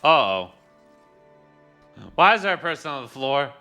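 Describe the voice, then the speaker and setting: A man streams a video game live, reading lines aloud and muttering asides to himself. His voice is sharp and bright and swings widely in pitch. Soft game music plays behind him. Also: very animated, unhurried. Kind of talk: casual live-stream commentary.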